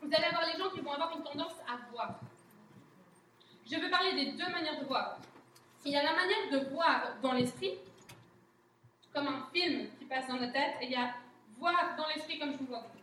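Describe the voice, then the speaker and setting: A woman's voice: sits high, moderate pace, pauses often, pushed and bright. A woman giving an informal sermon at a church, speaking candidly and often acting out her own past thoughts. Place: church hall, recorded from a distance. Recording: echoey hall, distant mic, faint noise.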